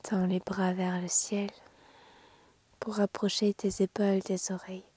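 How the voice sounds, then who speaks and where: A woman leads a yoga session with a soothing, gentle voice that is dark, soft, and so breathy it nearly becomes a whisper. Her mid-range voice guides slowly in long, unhurried phrases over a calm, narrow melody. There is no echo.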